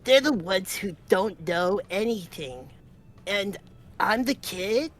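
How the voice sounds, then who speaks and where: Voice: mid-range voice, lively intonation, takes it slowly. A streamer voicing a nerdy, snobbish, grumpy boy with a lisp and a nasal, snotty tone, whining and complaining. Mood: ranting. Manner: whiny, irritable complaining. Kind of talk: voicing a character in a story game.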